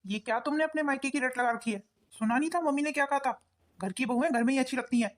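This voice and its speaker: A woman's voice: sits high, fast, heavy background noise, lightly acted. A woman voicing a young husband in a cartoon, easygoing and teasing. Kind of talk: cartoon voice acting.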